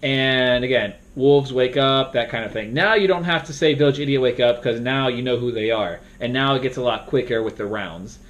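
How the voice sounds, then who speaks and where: A young man casually walking through how to moderate a party game, rambling and now and then bursting into loud acted-out announcements. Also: mid-range voice, moderate pace, hardly any pauses, lo-fi sound. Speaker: game moderator teaching a tutorial. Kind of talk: casual instructional talk.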